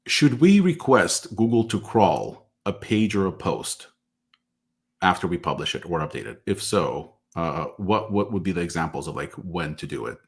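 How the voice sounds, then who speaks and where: A man's voice: deep voice, very animated, normal speed. A man hosting an interview show over a video call, casually recapping his guest's points with plenty of fillers. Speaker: podcast host.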